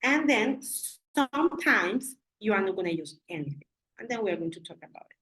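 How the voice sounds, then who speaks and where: Husky woman teaching over a video call. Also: medium pitch, sing-song, a bit bright, rough recording. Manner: switches between Spanish and English, explains slowly with examples. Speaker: English teacher. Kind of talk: online class explanation.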